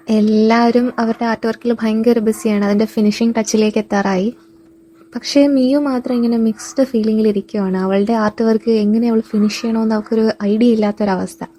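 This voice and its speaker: A woman recaps a drama series in a relaxed storytelling manner. Her voice sits a little high but sounds soft and mellow. She quotes the characters' lines without acting them out and leans on drawn-out fillers between sentences.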